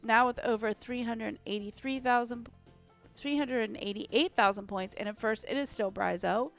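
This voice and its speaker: A woman's voice: on the high side, normal speed, vocal fry, a bit bright. A woman co-hosting a live game show, announcing players, venues and scores with casual asides. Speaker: co-host. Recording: background music. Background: music.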